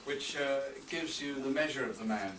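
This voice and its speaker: A man's voice: medium pitch, moderate pace. An older man telling dry, humorous anecdotes in a tribute speech at a birthday reception. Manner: dry humour, storytelling pace. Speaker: speaker giving a birthday tribute. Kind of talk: after-dinner speech with anecdotes. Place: hotel reception room. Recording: roomy, distant, noisy function room.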